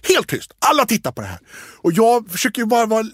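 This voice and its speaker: Male co-host, lively storyteller who slips into other voices, dry close sound. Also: high voice, husky, dry recording. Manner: animated, acts out quoted voices. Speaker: podcast co-host. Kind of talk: casual comic storytelling.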